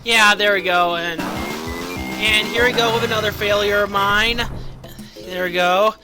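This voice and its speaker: High-voiced man doing halting game commentary. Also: sing-song. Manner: halting, repeats words and phrases. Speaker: let's play host. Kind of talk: casual gameplay commentary. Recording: game music behind the voice. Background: video game music.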